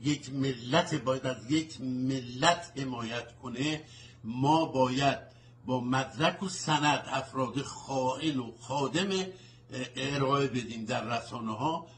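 Male caller, mid pitch, formal, halting delivery. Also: slight background noise. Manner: formal, hesitant with many fillers.

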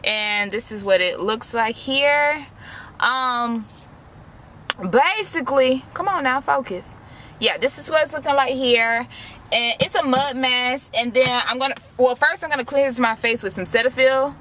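A woman's voice: sits high, measured pace, fairly bright tone, a little hiss or hum. A young woman, chatting to her viewers in a slangy, direct way while doing a face mask inside a parked car, recorded on a camera close in front of her. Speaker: vlogger.

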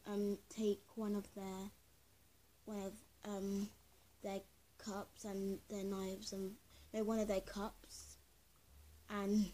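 A woman's voice: medium pitch, mellow, low-quality recording. A female vlogger chatting casually and hesitantly, with lots of fillers and restarts, recorded indoors on a phone camera. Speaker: prank-call vlogger. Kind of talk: casual chat.

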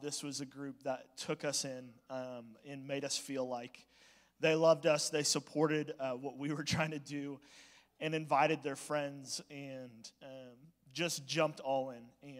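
A man speaking as youth pastor, giving a heartfelt, halting address to graduating students. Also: medium pitch, a bit bright. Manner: emotional, halting, with frequent restarts. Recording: reverberant church hall.

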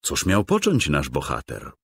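A man narrating a children's game story in a calm, gentle storytelling manner, recorded as a dry close studio voice-over. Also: a bass voice, unhurried, vocal fry, slightly rough, dry recording.

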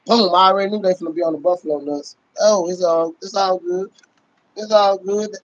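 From a small room, a middle-aged Cowboys fan talks casually on his sports livestream, swearing, using slang, and repeating favorite catchphrases. His high-pitched voice has fairly even intonation and a slightly fast pace, and the close-range phone recording sounds muffled.

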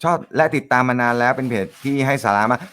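Loud, joking male live-stream host. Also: medium pitch, level tone, fast. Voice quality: naturally loud voice. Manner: joking, laughs often, chatty. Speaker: host of a snooker live show. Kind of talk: casual live-stream chat reading viewer comments.

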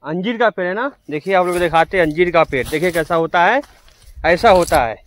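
High-voiced man vlogging from farm fields. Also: expressive, brisk, a little hiss or hum. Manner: chatty, addresses viewers directly. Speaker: truck driver vlogger. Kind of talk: casual vlog narration. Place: outdoors in farm fields beside his truck.

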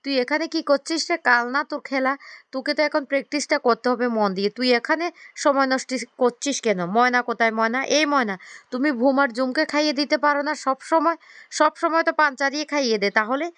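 A woman's voice: high voice, quick pace, no echo, voice pushed up. Woman voicing a scolding mother-in-law. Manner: sharp, commanding, reproachful. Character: scolding middle-aged mother-in-law, household head.

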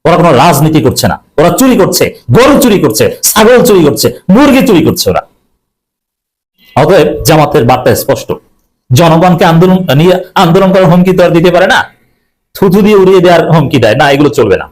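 Male commentator, middle-aged, rapid delivery, fairly high voice, emphatic and mocking. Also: animated, low-quality recording. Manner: emphatic, repeats slogans, mocking asides. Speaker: political commentator. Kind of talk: political commentary monologue.

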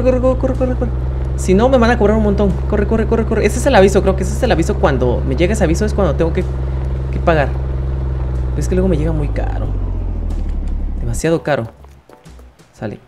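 A man with a Mexican accent giving playful, excitable gameplay commentary as a channel host, chatting to his viewers. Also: a little high, noisy background.

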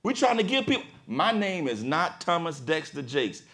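A man with a fairly high, bright voice swings widely in pitch at a moderate pace. He's a pastor and podcast host leading a panel discussion on a studio stage in front of an audience, preaching in a style that builds to emphatic peaks.

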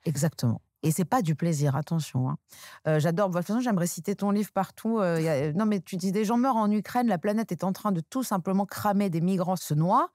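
A woman hosting a podcast, calmly explaining ideas in a reflective conversation and slowing down to stress her points. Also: lowish voice, dry recording, clean studio sound. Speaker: podcast host.

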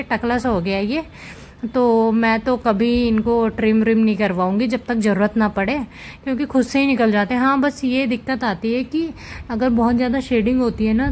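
A woman vlogging casually at home with her cats, chatting gently to viewers as she handles them. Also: fairly high pitch, a little hiss or hum. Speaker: cat vlogger. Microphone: camera set up nearby.

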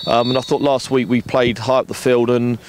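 A man in his thirties, a rugby director, speaking in a frank, measured way with many ums and restarts, outdoors at a floodlit ground at night into a handheld mic. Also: mid-range voice, little pitch movement, a little hiss or hum. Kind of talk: post-match interview. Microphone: handheld interview mic.

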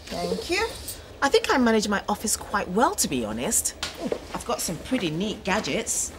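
A woman playing a busy hospital doctor who talks briskly and a little boastfully in a children's TV show. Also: medium pitch, big pitch swings, noisy background, natural voice.

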